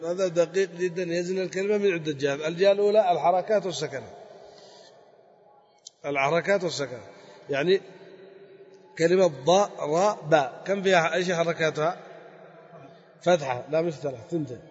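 Husky man teaching in an echoey hall. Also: fairly high pitch, brisk, pauses often. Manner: explains step by step, repeats key words. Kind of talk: spoken grammar lesson. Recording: dull lo-fi recording with long hall reverb.

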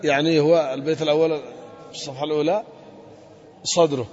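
High-voiced man teaching grammar in echoey hall. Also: steady tone, fast, a little mellow. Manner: explains step by step, quizzing students with short questions. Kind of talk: classroom lesson. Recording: echoey hall, dull lo-fi sound.

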